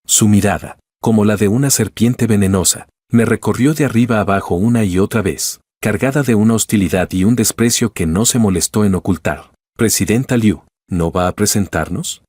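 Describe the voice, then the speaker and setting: A man narrating a first-person story in an even, scripted storytelling delivery. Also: lowish voice, no echo, clean studio sound.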